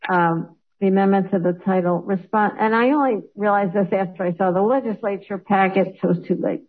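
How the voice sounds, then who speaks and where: A woman's voice: mid-range voice, fairly quick. A woman legislator presenting a resolution at a public meeting, speaking hesitantly with many fillers, over a remote call. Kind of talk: formal meeting remarks. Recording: tinny phone-like audio.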